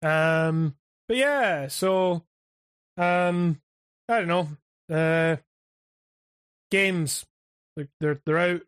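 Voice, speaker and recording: A man's voice: fairly high pitch, very slow, long pauses, clear, resonant tone, no room sound, studio quality. A young man co-hosting a casual gaming chat, rambling and swearing freely. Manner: rambling, profane, animated. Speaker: podcast co-host.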